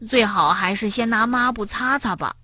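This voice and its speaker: A woman voicing a clumsy, stubborn young male frog in a storybook reading, soft and mumbling. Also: fairly high pitch, moderate pace, dry recording. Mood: sheepish.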